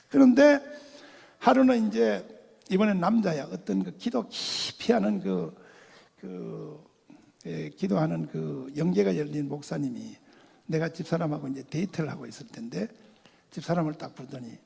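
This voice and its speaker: An older man giving a testimony sermon as a pastor, telling his story in an animated way, acting out quoted voices and laughing often. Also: on the high side, creaky, breathy edge. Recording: long hall reverb.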